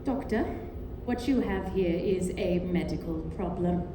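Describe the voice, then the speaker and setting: A woman's voice: on the low side, unhurried, echoey room, noisy background, lightly acted. A woman playing a prim, severe schoolmistress with formal politeness in a stage play. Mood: prim, firm.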